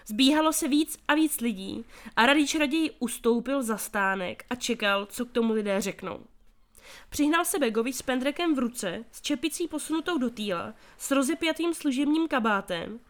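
A woman's voice: high-pitched, lively intonation. Czech woman reading a story aloud. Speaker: narrator. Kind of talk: audiobook reading of a children's novel.

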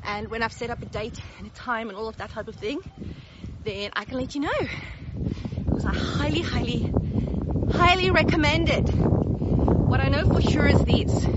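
A woman's voice: fairly high pitch, lo-fi sound, heavy background noise. An Australian woman talking straight to her viewers as a business mentor while walking uphill outdoors, a little out of breath, upbeat and direct. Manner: upbeat, direct, laughs often. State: slightly out of breath. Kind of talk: casual walk-and-talk vlog.

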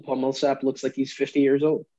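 A man's voice: mid-range voice, monotone, brisk, warm tone. A young American man co-hosting a casual sports chat, giving his picks, on dull lo-fi audio. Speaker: sports talk co-host.

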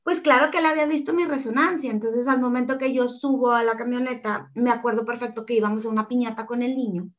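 A woman's voice: fairly high pitch, fairly even intonation, fast, few pauses. A woman with a Mexican accent telling an interviewer a personal story in an earnest, emotional way, often acting out what others said. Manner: earnest, emotional retelling that acts out quoted dialogue. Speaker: interview guest.

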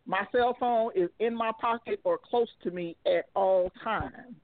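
A single mother in her thirties speaks bluntly and laughs often during a casual call-in chat. Her mid-range voice moves at a measured pace over a dry, tinny phone line with no room sound.

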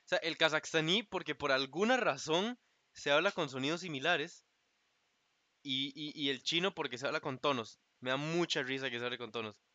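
A man's voice: a little high, moderate pace, sharp tone, no echo, dull audio. A man with a Costa Rican accent co-hosting a podcast, chatting casually in loose slang and often laughing mid-sentence. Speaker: podcast co-host. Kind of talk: casual chat.

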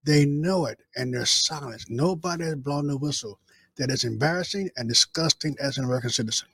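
A man's voice: mid-range voice, a little fast, gravelly, pushed and bright, husky, no echo. A man co-hosting a political talk show as a guest, speaking in emphatic, declarative phrases. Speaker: guest co-host.

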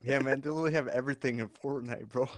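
A man's voice: mid-range voice, steady tone, racing, no echo, studio quality. A man co-hosting a casual podcast chat, laid-back and rambling, often ending lines with "man". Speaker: podcast co-host.

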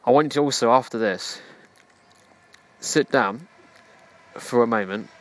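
A man's voice: mid-range voice, unhurried, fairly bright tone. A man hosting a self-help podcast, speaking earnestly and preachily in direct address to the listener. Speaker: podcast host.

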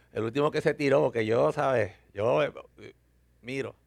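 A man preaching from the pulpit with a gravelly, fry-edged voice, recorded close and dry. He tells a personal story with chuckles and acted-out exchanges, then builds into emphatic preaching. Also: medium pitch, slow, no echo. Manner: storytelling with laughter and acted-out dialogue. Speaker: pastor. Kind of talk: sermon.

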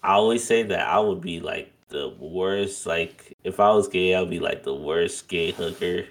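A man in his twenties co-hosts a podcast, chatting casually and rambling, with "like" peppering his speech. His voice is low-pitched and his speed normal.

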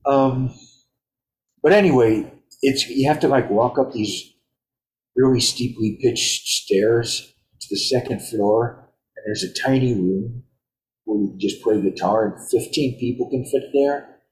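A man's voice: mid-range voice, a little slow, a little mellow. A man in casual chat, telling stories about his gigs and chuckling as he goes. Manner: storytelling, chuckling. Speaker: guest musician. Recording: roomy echo.

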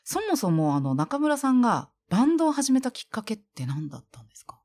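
A woman from Fukuoka, Japan, hosting a casual interview, listening attentively with frequent soft replies. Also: fairly high pitch, sing-song, fast talker.

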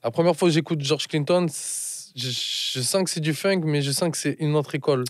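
A musician from Marseille with a southern French accent, chatting casually in an interview, often searching for words and slipping in English. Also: male voice, a little high, a little fast, dry recording, studio quality. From Marseille, France. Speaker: musician guest.

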